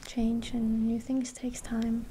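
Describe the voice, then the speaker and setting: A woman giving a whispered ASMR pep talk, hushed and breathy, gently reassuring with soft pauses. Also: a little high, completely flat delivery, slight background noise. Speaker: ASMR host.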